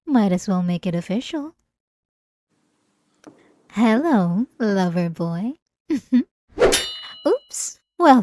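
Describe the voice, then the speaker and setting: A woman performs an intimate ASMR roleplay as an obsessive vampire lady of many centuries, her dark, soft, mid-range voice unhurried and full of teasing, possessive sweetness. She starts coy and intimate, then turns teasing and amused, recorded close, very dry and echo-free.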